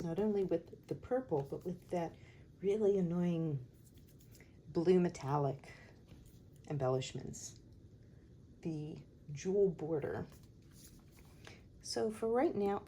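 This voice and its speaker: A woman chatting casually and thinking aloud in an unhurried, musing way as she hosts a planning session. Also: fairly low pitch, warm tone, slight background noise. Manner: unhurried, musing, talks to herself while working. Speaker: host of a planner decorating video.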